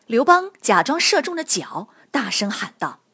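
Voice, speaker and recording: A woman narrating history stories for children in a lively, expressive storytelling manner. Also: a little high, normal speed, breathy edge.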